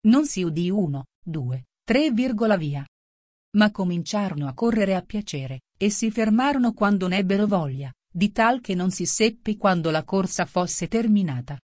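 A woman reading a storybook aloud as narrator, in an even, measured way. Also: mid-range voice, no room sound, clean studio sound. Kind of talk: audiobook narration.

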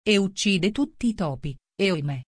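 A polite, curious little girl chatters on in a gentle, coaxing tone, as a woman reads her part. The voice sits mid-pitch and is recorded dry and close. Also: lively intonation, moderate pace, breathy edge, no echo. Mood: chatty. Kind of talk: storybook reading.

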